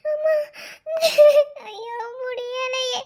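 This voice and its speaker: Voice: very high-pitched, unhurried, a bit bright, heavily acted. A performer voicing a pregnant young mother in a cartoon story, groaning and tearful from labor pain. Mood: strained.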